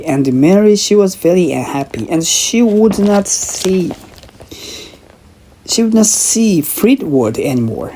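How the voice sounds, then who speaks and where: A woman's voice: low-pitched, mellow, a little hiss or hum, pitched above the performer's own voice, exaggerated voice. A woman reading aloud and voicing an anxious young lady's maid who insists and protests in a raised, earnest voice. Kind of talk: audiobook character reading.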